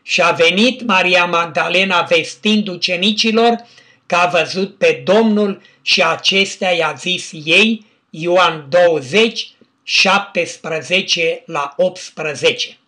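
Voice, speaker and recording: High bright-voiced man reading scripture. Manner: measured reading, citing chapter and verse. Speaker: preacher. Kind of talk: religious teaching with scripture reading.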